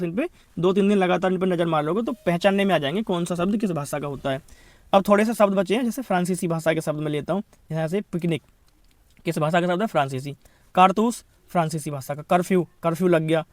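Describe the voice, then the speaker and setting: A man's voice: high-pitched, darkish tone, no room sound, studio quality. A man giving an exam-prep grammar lesson, rattling off word lists and checking in often. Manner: lists words rapidly, repeats "thik hai" as a check-in. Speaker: Hindi grammar teacher.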